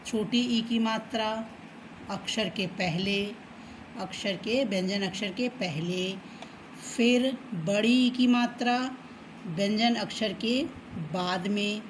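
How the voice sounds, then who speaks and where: A woman teacher patiently explaining a children's lesson, often checking in with a quick okay and drawing words out slowly to sound them out. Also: mid-range voice, noisy background. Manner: slow, drawn-out syllables when reading words aloud. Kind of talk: children's Hindi alphabet lesson.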